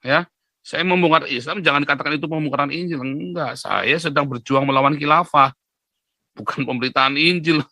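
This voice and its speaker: Animated man lecturing viewers. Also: a little high, fairly quick, no room sound. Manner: animated, lecturing, often rising to a near-shout; rhetorical tag questions. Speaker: YouTube commentator. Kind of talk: casual monologue.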